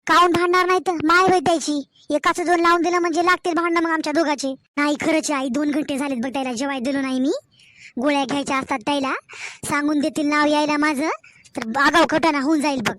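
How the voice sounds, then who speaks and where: A high, chatty young married daughter in a cartoon story, as a woman acts her out. She sweet-talks and coaxes in a drawn-out manner. The voice-over is recorded close and dry, with no room sound. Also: fairly even intonation, fairly bright tone, no echo. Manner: chatty, coaxing, drawn-out village-style talk.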